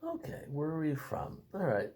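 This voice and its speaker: Older man, lively pitch. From Boston, Massachusetts. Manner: rambling, halting, with many restarts. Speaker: interviewee. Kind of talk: casual family-history interview.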